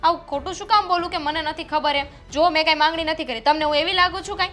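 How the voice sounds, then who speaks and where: A defensive young daughter-in-law. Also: female voice, sits high, a little fast. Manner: defensive, protests then worries aloud. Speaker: actor in a family drama. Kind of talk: short-film drama acting. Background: soft background music.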